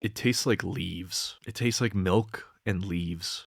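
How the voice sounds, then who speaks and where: A young man telling a rambling comedic story to camera, deadpan, with lots of fillers and swearing. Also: low-pitched, slow pace, gravelly, husky, no room sound, studio quality. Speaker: vlogger.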